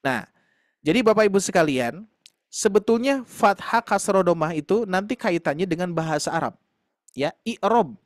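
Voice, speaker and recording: A man teaching a Quran reading class, explaining slowly with many fillers and speaking directly to his students. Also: sits high, no echo, clean studio sound. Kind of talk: online tahsin class lecture.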